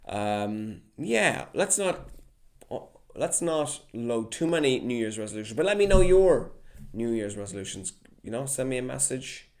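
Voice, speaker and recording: A young man hosting his own podcast in a casual solo chat, lively and chatty, slipping into quick mock voices. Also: medium pitch. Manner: chatty, animated, drops into mock impressions. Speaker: podcast host.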